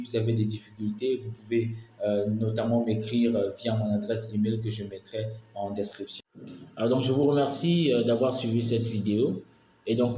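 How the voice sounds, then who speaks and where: A man from Senegal teaching call center job tips in French, often checking in with "d'accord?" and pausing on fillers. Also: fairly low pitch, roomy sound, highs cut off, a little hiss or hum. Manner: repeats "d'accord?" and "notamment" often, many hesitations. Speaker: call center career coach. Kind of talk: instructional talk to camera.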